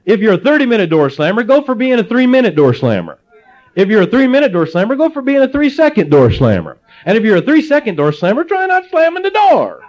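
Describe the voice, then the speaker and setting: Speaking quickly in a very high voice, a middle-aged Ohio pastor preaches through animated anecdotes and playful asides. The sound is somewhat dull and lo-fi.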